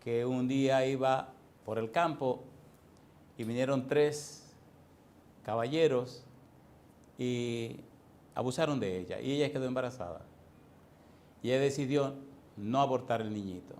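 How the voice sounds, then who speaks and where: A man's voice: mid-range voice, a little slow, long pauses, a little mellow, a little hiss or hum. A male pastor preaching a sermon in a church, firing emphatic rhetorical questions at the congregation.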